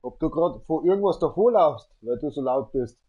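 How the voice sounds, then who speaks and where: Loud joking man in his thirties. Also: fairly high pitch, expressive, moderate pace, lo-fi sound, a little hiss or hum. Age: 30s. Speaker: gaming livestreamer. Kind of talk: casual phone chat during a livestream. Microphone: earbuds in, calling over the stream mic.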